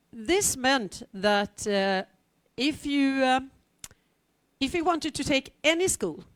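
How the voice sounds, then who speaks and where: A woman's voice: fairly high pitch, no echo. A middle-aged woman from Sweden speaking on a conference panel about her vocational school, chatty with wry asides and many fillers. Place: conference hall, standing before an audience.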